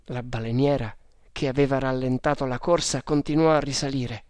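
A man reading an adventure story aloud in a measured, dramatic way. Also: mid-range voice, steady tone, a little mellow, no room sound. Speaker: narrator. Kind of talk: audiobook narration.

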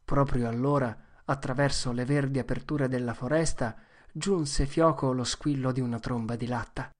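A woman narrating a storybook in a calm, even-paced reading voice. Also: very deep voice, normal speed.

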